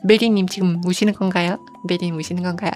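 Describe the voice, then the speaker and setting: A woman streaming as a virtual creator, chatting casually and unhurriedly, filling pauses with soft hums and speaking of herself in the third person. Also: lowish voice, fairly even intonation, faint music behind.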